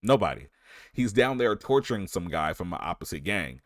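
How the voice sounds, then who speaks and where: A man co-hosting a podcast, retelling a movie's plot in a casual, animated way, full of slang and jokes. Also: deep voice, normal speed, no echo, studio quality. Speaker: podcast co-host. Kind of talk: casual movie recap chat.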